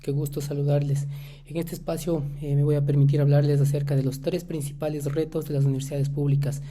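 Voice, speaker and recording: A man from Ecuador, giving a prepared academic talk as a doctoral student, measured and asking himself rhetorical questions. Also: a little high, level tone, mellow, slight background noise.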